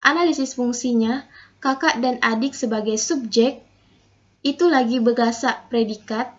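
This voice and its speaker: A young woman with a high voice, a student presenting a final assignment, moves steadily and methodically through her prepared talk, a little slowly. She reads example sentences aloud and breaks each one down in turn, on a dull, lo-fi recording.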